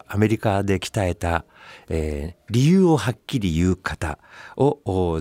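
A man's voice: on the low side, dry recording. A man hosting a radio column, talking casually about his work and acting out the voices of other people. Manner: animated, acts out directors' voices. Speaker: radio host and commercial director. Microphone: studio microphone.

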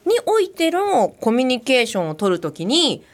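A woman hosting a studio interview, backing the guest with constant quick "yes, yes" replies. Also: high voice, very animated. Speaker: interview host.

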